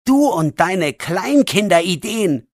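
Sarcastic teenage boy voiced by the narrator, slow and clear. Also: medium pitch, very animated, fairly bright tone, no room sound, studio quality, heavily acted. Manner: scolding, sarcastic. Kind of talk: audiobook role voice.

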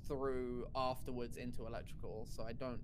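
Calm player over noisy voice chat. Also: mid-range voice, normal speed. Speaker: game player. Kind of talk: casual gaming chat.

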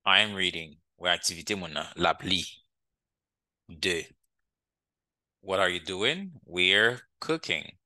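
Male English teacher, low bright voice, close dry sound, slow repeated drills. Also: expressive, no echo. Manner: drills English phrases slowly, asks "ok?" often. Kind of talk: language lesson.

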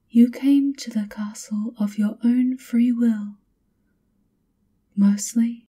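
Here the vampire countess's maid turns gently menacing, though the woman voicing her keeps the whispered ASMR delivery soft, polite and coolly formal. Her pitch sits on the high side, and her words come measured and breathy.

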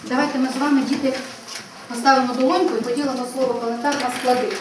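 A woman primary school teacher guiding young pupils through a lesson, slow, patient and instructive, dictating each step. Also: sits high, fairly even intonation. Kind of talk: classroom teaching. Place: school classroom. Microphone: camera at a distance. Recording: echoey classroom from far off with noise.

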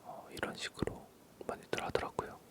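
Low and breathy, a man's whisper is barely audible as he rambles through an ASMR talk, hesitating and quietly repeating words. He is an ASMR creator.

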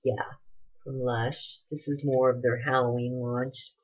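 A beauty vlogger in her forties chats casually about a product haul in her living room, gushing over items and rambling in between. Her very deep voice has little pitch movement and an unhurried pace. Her desk-distance webcam gives dull, noisy lo-fi audio.

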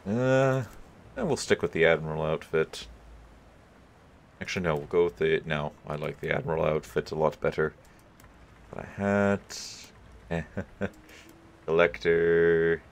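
A gaming video host muses over his choices as he plays, thinking aloud and chuckling now and then in casual commentary. His voice is very deep, slow and gravelly, with long pauses.

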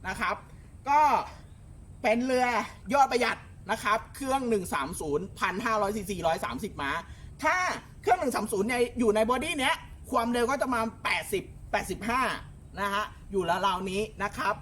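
A man showing jet skis for sale in a chatty, polite way, often pausing with fillers and correcting himself. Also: very high voice, animated, a bit bright, slight background noise. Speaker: jet ski shop salesman. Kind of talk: casual sales walkthrough.

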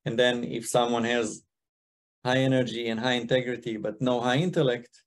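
At a medium pitch, with a steady tone and normal speed, a man in his thirties from Israel and China presents to a webinar over a video call's computer mic. He's there as a guest speaker and investor. His delivery is casual and loose, with frequent restarts as he thinks out loud.

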